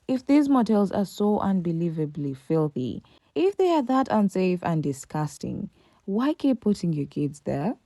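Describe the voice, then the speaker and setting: Low, dark-voiced woman narrating commentary. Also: very animated, a little slow, no echo. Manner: emphatic, rhetorical questions. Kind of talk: scripted commentary voice-over.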